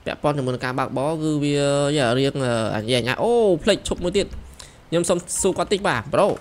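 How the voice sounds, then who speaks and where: A young man giving excited gameplay commentary, shouting quick directions as he plays. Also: on the high side. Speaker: gameplay streamer. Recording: voice over loud game sirens. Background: police sirens from the game.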